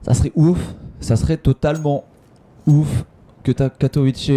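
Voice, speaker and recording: Excitable male esports announcer, highish voice. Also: normal speed. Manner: excitable announcer delivery, repeats phrases for emphasis. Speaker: esports match commentator. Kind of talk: live esports commentary.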